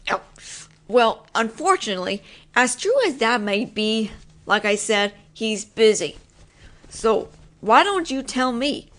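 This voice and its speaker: In this intimate audio roleplay, a young female voice actor plays a teasing, possessive roommate whose low, lingering speech sometimes slips into whispers. She sounds animated, slightly slow, and a bit bright.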